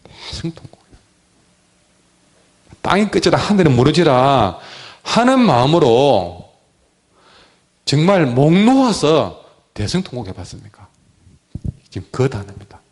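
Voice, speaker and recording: A male pastor preaches with his throat a little sore, pushing through it anyway. His pitch rises and falls widely, with sudden loud cries and then quiet, near-whispered phrases. His voice sits at an ordinary middle pitch for a man. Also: sing-song, measured pace, long pauses. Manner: impassioned preaching, swings from loud cries to hushed words. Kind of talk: sermon.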